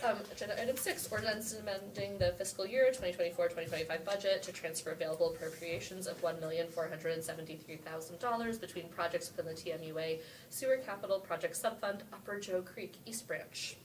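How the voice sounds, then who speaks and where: A woman chairing a city council committee meeting, reading agenda items briskly and laughing easily. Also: fairly low pitch. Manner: brisk, laughs easily, reads long figures rapidly. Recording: distant mic with faint background noise.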